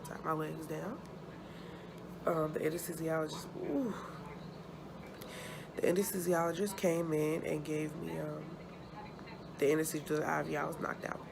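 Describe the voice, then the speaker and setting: A woman vlogger chatting casually and haltingly, sounding sore and uncomfortable after surgery. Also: sits low, vocal fry. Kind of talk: casual chat, personal update to camera. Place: hospital room. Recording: noticeable background noise.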